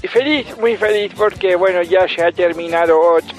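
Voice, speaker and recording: A man's voice: high voice, moderate pace, over music, natural voice. A man playing a chatty older phone-in caller in a radio comedy sketch, rambling cheerfully and getting fussy over small complaints.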